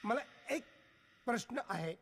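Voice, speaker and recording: Fussy suspicious uncle. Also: male voice, very high voice, expressive, unhurried, vocal fry, noisy background, full character voice. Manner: pedantic, recounting events step by step. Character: fussy, suspicious middle-aged male landlord uncle. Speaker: elderly uncle figure of the house. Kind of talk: film comedy acting. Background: film score music.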